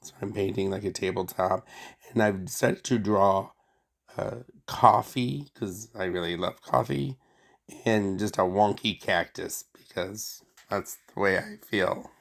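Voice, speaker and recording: Congested man with a low, gravelly voice. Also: a little slow, a bit bright. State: sick with a cold or sinus infection, stuffy nose. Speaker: art tutorial host. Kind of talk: casual unscripted craft narration.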